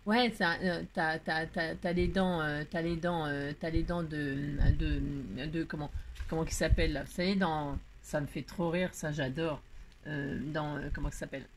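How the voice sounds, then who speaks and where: A woman in casual chat with her viewers, gushing over each piece she unpacks. She talks in a chatty, exclamatory way, trails off into fillers, and scolds her crafts playfully. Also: medium pitch. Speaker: craft channel host. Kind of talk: casual chat while opening mail.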